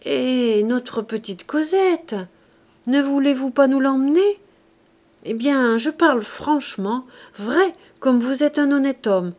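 A woman reading the part of a scheming male innkeeper who haggles with feigned tenderness, in a slow, wheedling voice. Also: fairly high pitch, lively intonation, darkish tone. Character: greedy scheming male innkeeper, smooth-talking.

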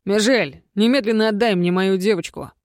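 A woman voicing a jealous young male werewolf student who bosses and scolds loudly. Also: mid-range voice, moderate pace, dry recording, clean studio sound, natural voice. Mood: indignant. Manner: bossy, indignant, commanding.

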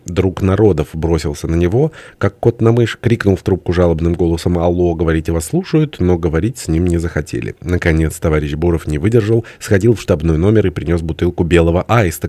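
A man narrates an audiobook in a low, dark voice with dry irony. The recording is close and dead, with no room sound. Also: husky, no echo.

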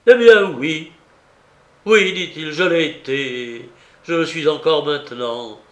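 A man's voice: a little high, steady tone, measured pace, natural voice. A man doing a desperate lovesick young man, begging. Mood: despairing. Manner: loud, broken, begging. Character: desperate young man in love with a dead woman. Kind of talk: audiobook reading. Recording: roomy echo.

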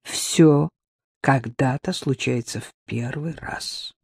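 A man reading the part of a cold, scheming female crime boss who speaks in a measured, menacing way. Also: fairly high pitch, fairly even intonation, dark tone, no room sound, studio quality.

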